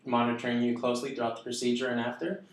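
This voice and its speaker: Echoey, distant man playing a halting clinician. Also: mid-range voice, flat delivery, close to an everyday voice. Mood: calm, explanatory. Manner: hesitant, stumbling over technical terms. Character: calm male clinician explaining anesthesia to a patient. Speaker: clinician in a student case-study skit. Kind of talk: halting explanatory role-play. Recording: echoey room, distant mic.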